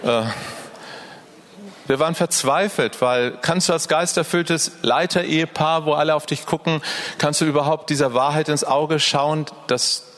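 A man's voice: fairly high pitch, steady tone, normal speed, fairly bright tone. An older man, a grandfather, preaching a personal, earnest sermon and speaking straight to his listeners. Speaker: pastor.

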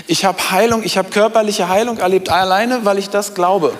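A man's voice: high voice, normal speed. A middle-aged man preaching a sermon, speaking emphatically and addressing his congregation directly. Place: church hall before a congregation. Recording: reverberant hall sound.

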